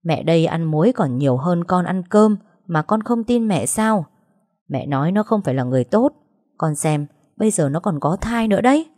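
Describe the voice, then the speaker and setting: Harsh old matriarch, read by a woman: scolding, low, dry audiobook voice. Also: mellow, dry recording. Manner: scolding, contemptuous.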